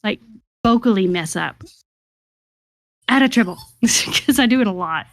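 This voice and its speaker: A woman's voice: medium pitch, expressive, measured pace, dry recording. A young adult woman, a guest on a livestream, chatting casually and giggling at herself. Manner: giggly, chatty, self-deprecating.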